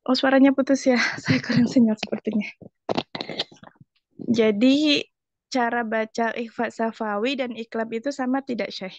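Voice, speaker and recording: A woman's voice: on the high side, steady tone, moderate pace, no echo, lo-fi sound. A woman student politely asking her teacher a question over a video call whose audio keeps cutting out from a weak signal. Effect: choppy video-call audio cutting out from a weak signal. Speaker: student in an online Quran recitation class.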